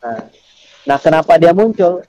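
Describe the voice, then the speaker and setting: A man's voice: a little high, animated, moderate pace, warm tone. A young man co-hosting a casual podcast, talking through a theory step by step with plenty of fillers and restarts. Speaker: podcast co-host. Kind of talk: casual chat. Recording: dull lo-fi podcast audio.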